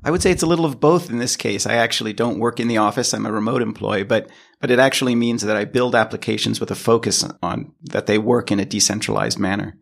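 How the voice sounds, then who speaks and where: A product engineer from California, appearing as a podcast guest, answers interview questions in a low, gravelly, fry-heavy American voice. He talks fast with fairly even intonation, explaining conversationally, thinking aloud and often restarting phrases.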